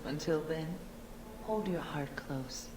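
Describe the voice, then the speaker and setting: An ageless female servant of the gods in a fantasy video game. The voice is low and measured, formal and heavy with portent. Clear ambient noise sits behind it. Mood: solemn, foreboding. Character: ancient solemn otherworldly female servant of the gods.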